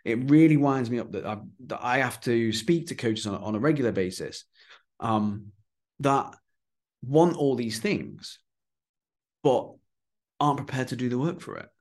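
A man's voice: mid-range voice, expressive, measured pace, long pauses, a little mellow. A man hosting a casual podcast conversation as a fitness business coach, talking bluntly and swearing freely.

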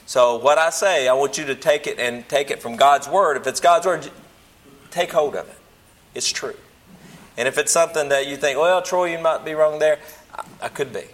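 A man's voice: mid-range voice, normal speed, a bit bright. A man preaching a Bible lesson to a church group in a folksy, plain-spoken, humble way, often rephrasing as he goes. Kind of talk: sermon, teaching a church group.

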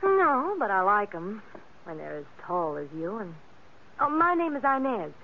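A coy, lilting flirtatious niece. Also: female voice, medium pitch, very animated, unhurried. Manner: coy, teasing. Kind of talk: old-time radio drama acting. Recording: noisy, dull old radio recording.

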